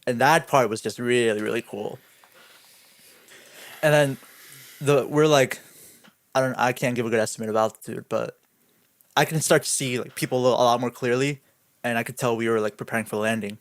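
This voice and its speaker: A man's voice: mid-range voice, brisk, long pauses, no room sound. Young man telling a story, laughing. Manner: animated storyteller, laughs often, says "like" a lot. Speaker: podcast co-host. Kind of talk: casual chat.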